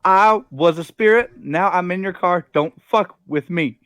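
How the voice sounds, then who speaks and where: A man voicing El Khan, a small, brash French leprechaun spirit who bosses people over a loudspeaker. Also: high voice, measured pace, clear, resonant tone, dry recording, lo-fi sound. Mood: snippy.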